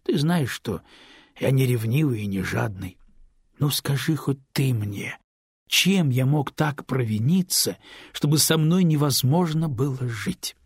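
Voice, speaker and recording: A man doing a dejected man in an audiobook, talking low and held back to an old friend. The voice is gravelly with vocal fry and very husky, close and dry. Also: expressive, no echo. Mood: subdued. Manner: low, subdued, measured. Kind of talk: audiobook character reading.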